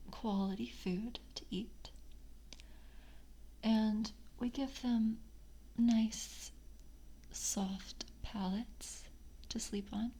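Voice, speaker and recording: A woman whispers as a vampire coven screener in a gentle ASMR roleplay, polite yet hungry and slyly predatory, hesitant and coaxing in formal language. Her voice is medium in pitch and slightly rough.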